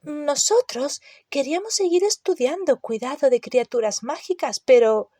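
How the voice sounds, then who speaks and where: Hermione, a woman doing a high anxious schoolgirl. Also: lively intonation, normal speed, mellow, no echo, studio quality. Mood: hesitant. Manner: high-pitched, pleading, hesitant. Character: anxious earnest teenage schoolgirl. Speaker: audiobook character.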